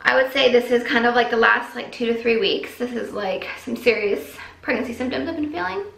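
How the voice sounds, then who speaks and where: A woman's voice: a little high, fairly even intonation, a little fast, creaky, fairly bright tone. A young pregnant woman sitting at home, chatting casually through her vlog update, short of breath and rambling with lots of fillers. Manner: chatty, rambling, many likes. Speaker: vlogger. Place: empty nursery room at home, echoey. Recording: echoey bare room.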